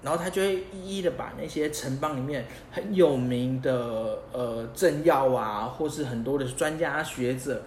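A man's voice: mid-range voice, normal speed, few pauses. A young man hosting a podcast. He talks casually and animatedly, firing off rhetorical questions. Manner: animated, asks many rhetorical questions, chuckles at himself. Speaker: podcast host. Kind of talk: casual explanatory podcast monologue. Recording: roomy echo, faint background hiss.

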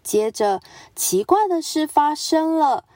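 A woman, gently reading a picture book to children. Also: high-pitched, lively intonation, dry recording, clean studio sound. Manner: gentle, slow and clear. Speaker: storyteller.

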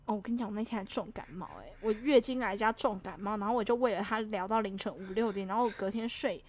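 A young woman casually telling a story on a podcast, swinging from hushed mutters to loud indignant outbursts. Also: mid-range voice, fast. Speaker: podcast co-host.

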